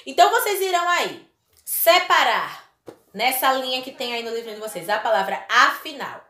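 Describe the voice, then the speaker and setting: A woman from Brazil teaches young children in a recorded primary lesson, affectionate and emphatic, lengthening her key words. Her high-pitched voice is animated, pushed and bright at a moderate pace, echoing around the room.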